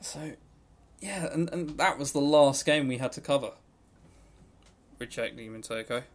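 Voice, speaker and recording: An unhurried man with a medium-pitched voice co-hosts a laid-back game review podcast. He speaks informally, holding firm opinions while sounding a bit hesitant in how he puts them.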